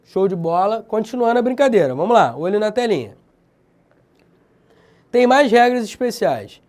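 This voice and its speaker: A man with a Brazilian accent teaching grammar in a video lesson, lively and slangy, drilling example words with emphasis. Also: sits high, moderate pace. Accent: Brazilian Portuguese.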